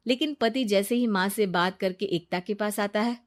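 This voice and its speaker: A woman's voice: mid-range voice, moderate pace. A woman narrating a cartoon story in a plain storytelling manner.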